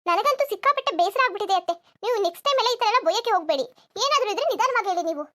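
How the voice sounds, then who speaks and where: A woman's voice: extremely high pitch, lively intonation, very fast, sharp tone, heavily acted. A woman voicing a lazy, sleep-loving young daughter-in-law in a cartoon comedy, cheeky and argumentative. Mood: defiant. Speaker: narrator addressing viewers.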